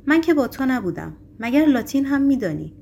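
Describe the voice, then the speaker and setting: A woman's voice: mid-range voice, expressive, a little mellow, a little hiss or hum, close to an everyday voice. A woman reading the part of a stern middle-aged male Roman governor, with a harsh, broken voice and cold, mocking questions. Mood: sharp.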